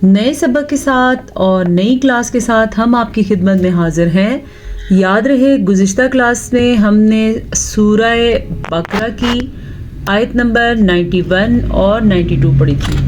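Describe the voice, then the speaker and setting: Slow, patient woman teaching recitation. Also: medium pitch, background noise. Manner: patient, repeats syllables slowly and explains pronunciation step by step. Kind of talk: slow tajweed lesson with recitation.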